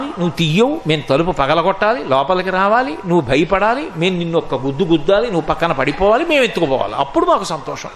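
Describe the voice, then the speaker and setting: A man's voice: sits high, fairly bright tone, a little hiss or hum. A man voicing a gang of indignant petty thieves who scold their victim in a mock-aggrieved way, inside a spoken sermon.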